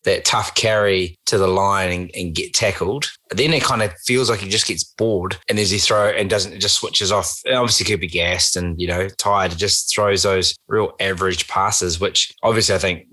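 Low, bright-voiced New man. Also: fairly even intonation, normal speed, hardly any pauses. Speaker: podcast panelist. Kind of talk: casual sports chat and commentary.

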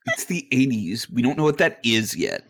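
Deadpan joking man player. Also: medium pitch, normal speed. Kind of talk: casual tabletop game chat.

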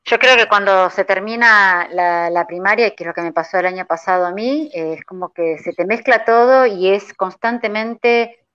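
A woman's voice: medium pitch, moderate pace, fairly bright tone, smooth. A Rioplatense woman hosts over a video call, her voice coming through dull and lo-fi. She speaks to her listeners directly and nudges her guest along with questions. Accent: Rioplatense Spanish. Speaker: host. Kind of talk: casual interview chat.

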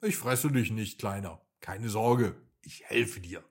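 A man voicing a gentle, good-hearted male dragon who exclaims loudly and talks kindly, in a children's bedtime story. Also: on the low side, slow, breathy edge.

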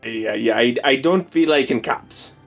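A man chatting casually as a tabletop game player, quick and agreeable. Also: mid-range voice, creaky, faint music behind.

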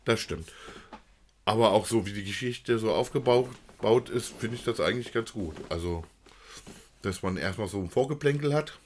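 A man with a fairly low voice co-hosts a podcast reviewing audio dramas, speaking at a normal pace in unscripted, casual chat. He feels his way through sentences with some repetition, and there's slight background noise.

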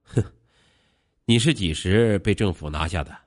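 A man's voice: sits low, fairly quick, voice pushed down. A man voicing a stern male police officer who questions a suspect sarcastically. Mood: scornful.

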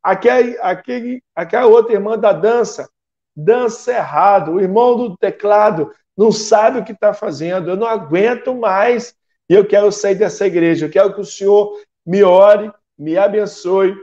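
A man's voice: moderate pace, warm tone, muffled recording, natural voice. A man voicing a middle-aged church woman who complains about everything. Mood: complaining. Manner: complains in a shrill, rising voice.

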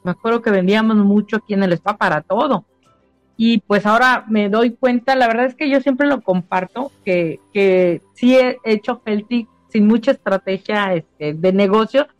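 A woman's voice: medium pitch, normal speed, no room sound. Woman telling her story. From Mexico. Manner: emotional storytelling, repeats phrases. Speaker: spa owner giving a testimonial. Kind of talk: casual testimonial interview. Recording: dull lo-fi sound with faint music.

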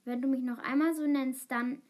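A woman's voice: high-pitched, steady tone, normal speed, darkish tone, natural voice. A woman reading aloud, voicing a hot-tempered schoolboy who is secretly in love. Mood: angry. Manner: gruff, then secretive.

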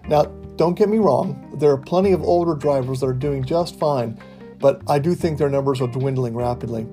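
A man's voice: mid-range voice, normal speed, dark tone. An older man from the US hosting a casual podcast monologue, telling stories in a wry, folksy way over faint guitar music. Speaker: podcast host.

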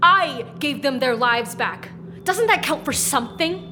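Woman voicing an impassioned, defiant daughter; high voice that leaps around a lot. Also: animated, noisy background. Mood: pleading, indignant. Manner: impassioned, quickly swinging between pleading and defiance. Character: grown daughter, proud poisoner running an empire. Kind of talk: audio drama acting.

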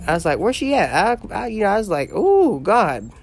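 A man's voice: sits high, wildly swooping pitch, a little fast, creaky, a little mellow, slightly rough, soft background music. A man, telling a story in a dramatic, exclamatory, gossipy way as a podcast host on his porch. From southeast Missouri. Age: late teens. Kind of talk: casual storytelling monologue. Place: outdoor porch.

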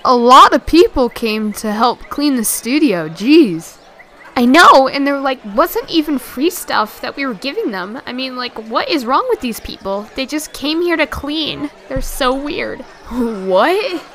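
A flustered, exasperated young studio crew member acted by a woman in an amateur comedy drama. The voice sits fairly high, with a casual, grumbling delivery. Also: sing-song, a little slow, fairly bright tone, full character voice.

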